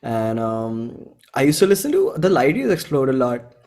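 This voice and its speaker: Speaking with an Indian accent, this twenty-something indie musician from Bhopal is a guest in a casual interview chat, full of slang and gushing enthusiasm. His mid-range voice swings widely in pitch, moves at a moderate pace and has a darkish tone.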